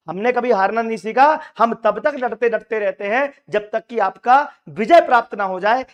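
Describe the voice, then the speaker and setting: A man with a high, hoarse voice speaks straight to exam candidates. He is emphatic and rallying, and he repeats his key points to drive them home. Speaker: coaching teacher and union leader. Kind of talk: direct address to exam aspirants.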